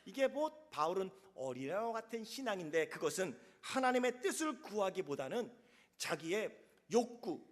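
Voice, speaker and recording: A male pastor preaching a sermon in a church, acting out little scenes of dialogue along the way. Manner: animated preaching, acts out dialogue with big swings of pitch and volume. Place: church sanctuary. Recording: long hall reverb.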